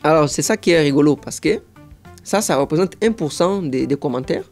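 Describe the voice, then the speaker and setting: A man's voice: fairly high pitch, fairly quick, faint music behind. A young man talking casually as a guest in an interview, telling stories and dropping into voices now and then. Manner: lively storyteller, slips into voices and accents. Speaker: guest, impressionist.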